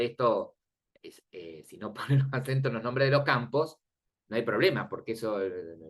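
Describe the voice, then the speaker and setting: A man teaching a class, explaining step by step and often checking that the students follow, in an informal, friendly manner. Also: medium pitch. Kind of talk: classroom lecture on databases.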